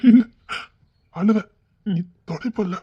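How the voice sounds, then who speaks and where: A woman acting as a lonely, tender-hearted man in a Tirunelveli Tamil drama, tearful and pleading, often hushed. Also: medium pitch, takes it slowly, muffled recording, background noise, natural voice.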